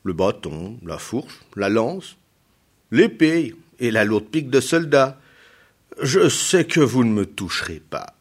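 A man voicing a calm, fearless young hero in a read-aloud tale, speaking softly and evenly. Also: medium pitch, slow, heavily acted. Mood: serene.

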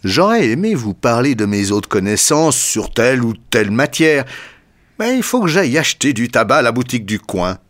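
A man reading a comic story aloud as narrator, expressive and lively. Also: normal speed. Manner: expressive reader, lively pitch.

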